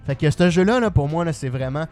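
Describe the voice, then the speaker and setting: A man's voice: fairly high pitch, lively intonation, brisk, a little mellow, soft background music. A man with a Quebec French accent, reviewing a video game in casual panel chat, enthusiastic and full of fillers.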